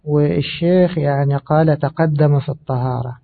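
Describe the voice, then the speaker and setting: Male religious teacher, somewhat high, flat delivery, gravelly, lo-fi phone-like sound. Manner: measured, explanatory, pauses with fillers. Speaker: hadith teacher. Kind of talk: religious lesson. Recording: tinny phone-like audio.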